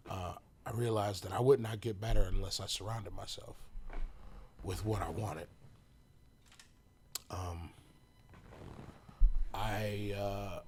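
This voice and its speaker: A man telling his personal story as a podcast guest, halting and full of restarts, sometimes dropping to a whisper. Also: on the low side, fairly even intonation, a little mellow, slight background noise. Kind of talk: emotional personal testimony.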